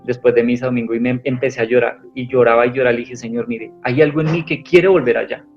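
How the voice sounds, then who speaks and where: A man's voice: medium pitch, steady tone, quick pace. A man giving an earnest personal testimony in an interview, rambling with many restarts. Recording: dull lo-fi sound with faint music.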